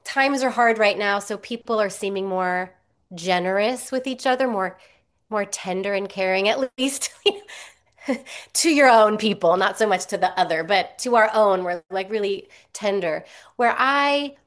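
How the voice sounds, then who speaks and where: A woman's voice: mid-range voice, unhurried. A woman pastor speaking on a video call, candid and reflective, laughing lightly between phrases.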